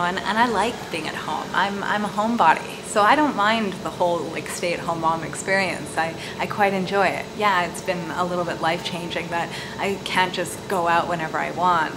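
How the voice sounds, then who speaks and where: Chatty young woman, noisy background. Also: on the low side. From Canada (Montreal). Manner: chatty, repeats words while thinking. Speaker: host. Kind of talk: casual talking-to-camera vlog.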